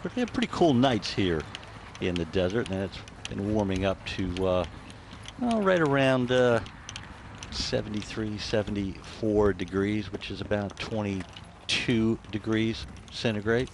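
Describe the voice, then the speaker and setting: A man's voice: lowish voice, animated, unhurried, a little hiss or hum. A man working as a golf commentator, giving live, conversational commentary.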